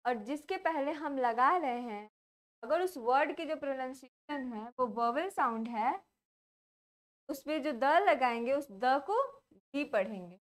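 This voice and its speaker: Indian lady teacher, high voice, explains grammar step by step, keeps asking then answering her own questions. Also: unhurried. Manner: asks questions and answers them herself, repeats key points. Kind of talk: classroom lesson explaining grammar.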